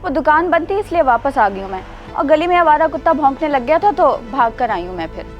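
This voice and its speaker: A woman's voice: sits high, very animated, quick pace, highs cut off. An actress playing a poor young mother who works as a maid, speaking in an earnest, pleading way. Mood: weary. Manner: earnest, pleading, then tearful complaints. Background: soft background music.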